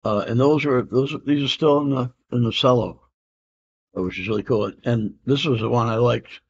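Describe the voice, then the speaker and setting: In a slightly rough, mid-range voice at a moderate pace, a comic collector in his fifties does a casual unboxing of an auction win at home. He rambles with plenty of "uh," easygoing slang like "man" and "I can dig it," and the dull lo-fi home camera audio comes from a room with comic art on the walls.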